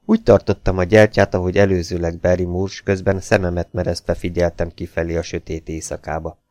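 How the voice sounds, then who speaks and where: A man calmly narrating an audiobook in the first person. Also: sits low, no echo. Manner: calm, measured first-person telling. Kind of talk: scripted narration.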